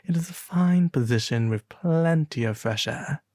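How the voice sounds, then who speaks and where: A man puts on a small, vain, fussy swallow from a storybook. The delivery is theatrical yet soft and mellow, recorded dry and close. Words are drawn out slowly. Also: on the high side, expressive, no room sound. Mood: pleased. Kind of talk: soft storybook character acting.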